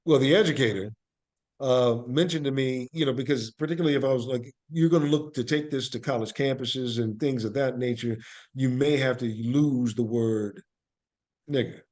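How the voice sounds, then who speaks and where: Speaking in a medium-pitched, slightly mellow voice, a man who is an actor and playwright tells stories as a podcast interview guest. His delivery is conversational yet deliberate, built from short, emphatic phrases.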